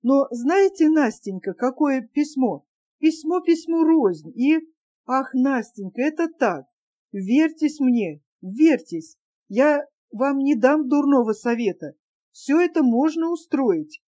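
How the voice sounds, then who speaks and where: A woman's voice: high voice, animated, slow pace, warm tone. A woman reading a novel's young male narrator, pleading and persuasive in his dialogue. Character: young man, timid eager dreamer.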